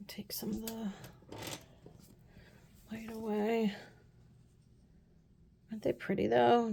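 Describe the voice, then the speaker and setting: Chatty woman gushing over nail supplies. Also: gravelly. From United States. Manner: chatty, gushing, often drops to soft low asides. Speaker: beauty vlogger. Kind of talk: casual nail haul chat. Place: apartment room.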